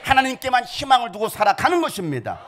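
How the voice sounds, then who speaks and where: A male pastor preaching a sermon, moving between hushed passages and shouted high points. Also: wildly swooping pitch, fast, slight background noise. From South Korea.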